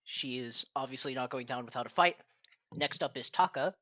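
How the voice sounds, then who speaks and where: A man's voice: medium pitch, bright, forceful tone, no echo. Casual game master man, dry sound. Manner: casual, halting, clears his throat often. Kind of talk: running a tabletop game.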